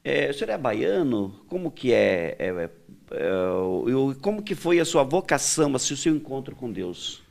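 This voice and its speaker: A man's voice: medium pitch, sing-song, moderate pace, creaky, a little mellow. A man hosting a talk show, asking questions with hesitant fillers. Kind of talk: interview hosting.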